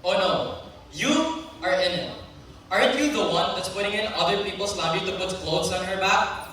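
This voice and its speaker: Heard from a distance in a noisy, echoey hall, a teen boy acts the part of a resentful, pushy older brother in a school play. His high, sharp voice moves at normal speed, needling the other character and slipping into a drawl when he's annoyed.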